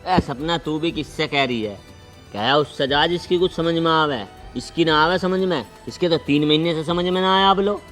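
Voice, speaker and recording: An actor with a Haryanvi accent playing an exasperated older brother who speaks scornfully in rustic dialect. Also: male voice, on the high side, moderate pace, fairly bright tone, faint music behind, close to an everyday voice.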